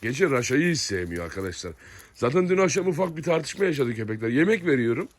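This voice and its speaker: A man's voice: mid-range voice, sing-song, fast talker. A man chatting to viewers on his farm as he walks among his dogs, cooing at them fondly. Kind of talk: casual vlog talk to viewers and dogs. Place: outdoors on a foggy farm with dog pens. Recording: noisy outdoor recording with barking dogs. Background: dogs barking.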